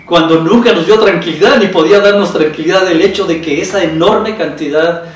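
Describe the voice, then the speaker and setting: A man with a Mexican accent speaking in a measured, formal way in a panel discussion. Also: sits high. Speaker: citizen council member. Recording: echoey room from far off.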